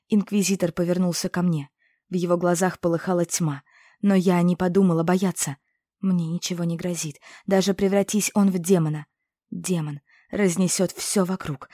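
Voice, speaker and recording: A woman narrating a first-person audiobook in a calm, emotive, dramatic reading. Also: fairly low pitch, moderate pace, no room sound, clean studio sound.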